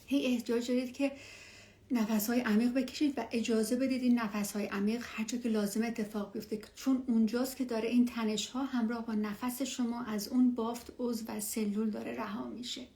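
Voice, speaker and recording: A woman leading a guided relaxation meditation as an instructor, speaking softly and soothingly, often near a whisper, with unhurried pauses. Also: a little high, steady tone. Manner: unhurried, with long pauses between phrases.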